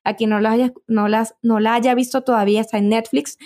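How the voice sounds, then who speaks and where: A woman hosting a casual podcast, talking in an eager, chatty way with plenty of asides. Her voice sits a little high for a woman. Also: fairly even intonation, fairly quick, darkish tone. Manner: chatty and enthusiastic, many asides. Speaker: podcast host.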